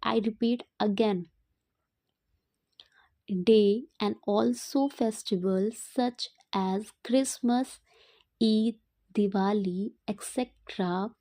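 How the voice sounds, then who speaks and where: A woman teacher dictating an English passage in short, separated phrases, pausing deliberately between them. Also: medium pitch, steady tone, warm tone, dry recording. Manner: dictating word group by word group with deliberate pauses.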